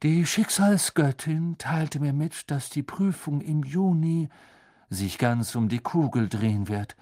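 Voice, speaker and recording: A man voicing an eccentric older female fortune-telling teacher in an audiobook, drawn-out and airy, at times sinking to a breathy whisper. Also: on the high side, dark tone, pitched above the performer's own voice. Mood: mystical, solemn. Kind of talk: audiobook character voice.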